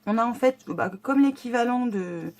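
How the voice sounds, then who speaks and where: A woman's voice: a little high, animated, moderate pace, a little mellow. A woman chatting casually as she unboxes a monthly scrapbooking box, enthusiastic and hesitant, with many fillers and restarts. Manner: enthusiastic about the items. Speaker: scrapbooking vlogger.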